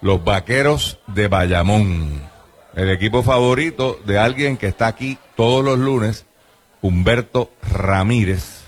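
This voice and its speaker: A man's voice: lowish voice, takes it slowly. Playful male host. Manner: playful, joking, animated. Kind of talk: radio-style chat and live ad reads.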